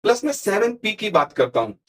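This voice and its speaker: Animated man giving punchy motivational advice. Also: sits high, moderate pace. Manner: emphatic, animated, uses punchy examples. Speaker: motivational speaker, guest. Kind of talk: podcast interview, motivational talk.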